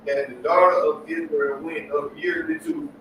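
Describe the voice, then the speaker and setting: A man with a fairly high voice reads scripture aloud in a halting, careful way. He is far from the mic in a very echoey room, with clear noise behind him. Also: fairly even intonation, a bit bright. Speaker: student reading scripture aloud.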